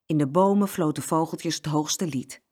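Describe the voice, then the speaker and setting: A woman reading a children's story aloud with an expressive, lively delivery. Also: sits low, moderate pace, slightly rough.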